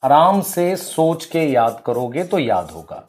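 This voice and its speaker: A man's voice: a little high, big pitch swings, slow, darkish tone. A male biology teacher, explaining at the board and quizzing students with rhetorical questions. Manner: addresses students as beta and bhai.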